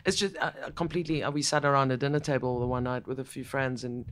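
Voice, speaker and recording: A middle-aged South African woman hosts a casual podcast interview in a coworking-space room, speaking frankly, occasionally swearing, and repeating words as she thinks. Her voice is extremely low, fairly even in intonation, and fast.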